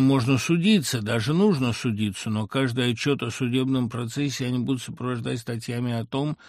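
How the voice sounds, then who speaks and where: A man narrating a literary audiobook in an expressive, ironic way, hitting words with sudden emphasis. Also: medium pitch, no echo, clean studio sound. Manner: expressive, ironic reading with sharp emphatic jumps.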